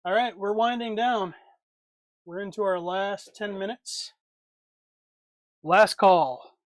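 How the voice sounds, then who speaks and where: In a clean studio recording with no room sound, a man with a high-pitched voice hosts a casual livestream. He takes his time, rambling and talking to himself while he swaps parts on figures.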